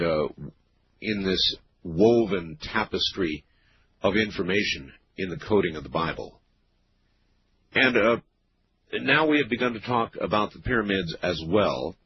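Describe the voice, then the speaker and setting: Male talk radio host, smooth broadcast delivery, unhurried and conversational, heard over a muffled lo-fi radio feed. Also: low-pitched. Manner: relaxed, conversational, with frequent "uh" and "um" pauses. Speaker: late-night radio talk show host. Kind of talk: radio call-in talk show hosting. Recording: dull lo-fi radio broadcast with faint hiss.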